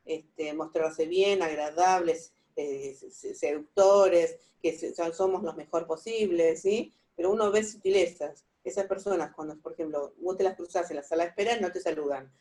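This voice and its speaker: A woman with an Argentine Spanish accent giving a forensic psychology lecture over a video call, talking haltingly with many fillers and asking her listeners "¿sí?" again and again. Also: lowish voice, warm tone.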